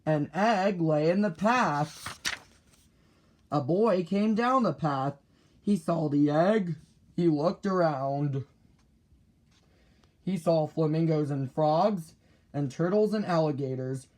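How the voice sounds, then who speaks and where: A man reading a children's picture book aloud, deliberate and expressive. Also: fairly high pitch. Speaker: storybook reader.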